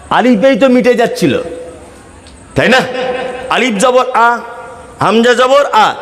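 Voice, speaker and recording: A man's voice: sits high, a bit bright. A man from West Bengal with a West Bengal Bengali accent, preaching a waz sermon at a large gathering, asking the crowd questions and answering them himself. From West Bengal, India. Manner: counts and explains in a teaching tone. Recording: echoey, long reverb over a public address system.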